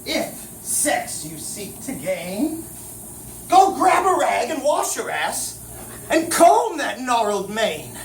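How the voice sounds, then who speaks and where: Spoken-word piece: mystical goat spirit, voiced by a man, deliberate rhyming delivery, distant mic. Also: very high-pitched, very animated, vocal fry, heavily acted. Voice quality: slow, rhyming incantation. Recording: roomy and distant, faint noise.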